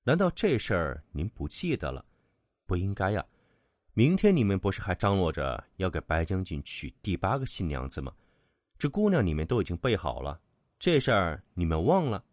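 Guy voicing a calm sharp young man, low voice, dry sound. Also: normal speed, no room sound. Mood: accusing.

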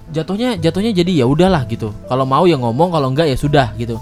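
A man's voice: fairly high pitch, expressive, quick pace, faint music behind. A man co-hosting a casual chat, telling stories with frequent laughter. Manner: laughs often, jokey storytelling. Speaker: podcast co-host.

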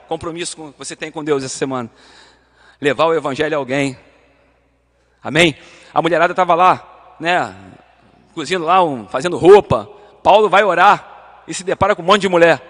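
Brazilian man, high voice, fervent Bible class teacher, church reverb. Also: a little fast, pauses often, fairly bright tone. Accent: Brazilian Portuguese. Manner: fervent, addresses listeners as beloved, acts out dialogues. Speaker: Sunday school teacher.

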